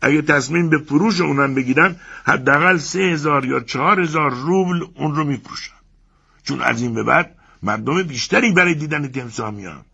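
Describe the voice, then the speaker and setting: A man's voice: fairly high pitch, creaky, husky, dull audio, pitched above the performer's own voice, heavily acted. A man playing a greedy, arrogant crocodile showman. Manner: shouting, haggling, proud.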